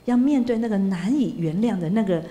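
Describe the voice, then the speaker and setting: A woman's voice: mid-range voice, lively intonation, brisk, dark tone. A woman, a Buddhist nun, giving a sermon in a storytelling way, dropping in Hokkien words and tag particles.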